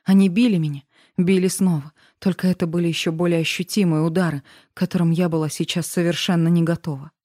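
A woman's voice: lowish voice, fairly even intonation, quick pace, dark tone, dry recording, studio quality. A woman narrating a first-person romance audiobook with an emotional, dramatic reading.

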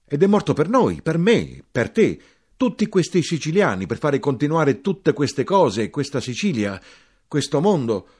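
An actor reading an audiobook, voicing a bitter grown son who shouts in agitation. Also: male voice, a little high, very animated, unhurried, husky, pitched above the performer's own voice, exaggerated voice. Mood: agitated.

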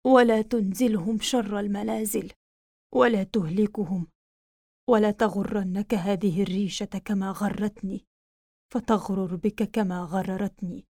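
A woman's voice: a little high, lightly acted. A woman voicing a dying male army commander who speaks faintly and solemnly, full of regret. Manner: faint, weak, solemn last words.

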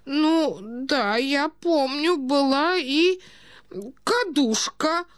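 A woman's voice: sits high, no room sound, clean studio sound, pitched above the performer's own voice. A woman doing a doddering old prince. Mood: flustered. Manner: meandering, plaintive, drawn-out phrases. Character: doddering old male prince, forgetful and fussy.

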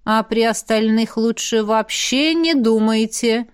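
A woman voicing a stern, dry-witted female demoness who heads a magic academy, speaking slowly and reproachfully. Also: fairly high pitch, smooth.

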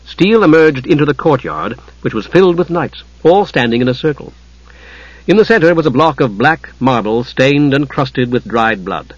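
A man's voice: fairly high pitch, no room sound. Man solemnly narrating a fantasy audiobook. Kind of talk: scripted narration. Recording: dull dry recording.

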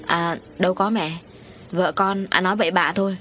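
A woman's voice: lowish voice, steady tone, moderate pace, crowd noise, close to an everyday voice. A woman doing a curt, bullying husband. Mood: flustered. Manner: curt, barking. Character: harsh quick-tempered middle-aged husband.

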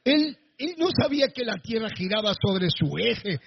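A male pastor preaching a sermon to a congregation, with sudden shouted bursts. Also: sits high, very animated, moderate pace, gravelly, muffled recording, a little hiss or hum. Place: church before a congregation.

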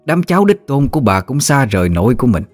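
A man voicing a furious old grandmother who harshly scolds her family in a long, accusing tirade, with lively pitch and faint background music. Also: quick pace. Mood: scolding.

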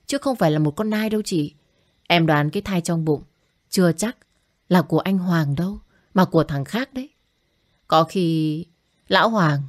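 A woman voicing a gossipy, sharp-tongued young woman coworker who talks in blunt slang. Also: lowish voice, close to an everyday voice.

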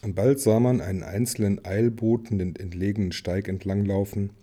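A man narrating an audiobook in a measured storytelling manner. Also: fairly low pitch, fairly even intonation, warm tone. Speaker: reader.

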